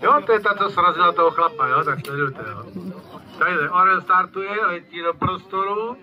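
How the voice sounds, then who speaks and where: A man's voice: sits high, highs cut off. Guy narrating birds of prey show in a field, chatty, keeps asking the crowd. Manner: lively, addresses crowd, frequent tag questions. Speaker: falconry show presenter. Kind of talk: live outdoor show commentary. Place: outdoor field at a bird show.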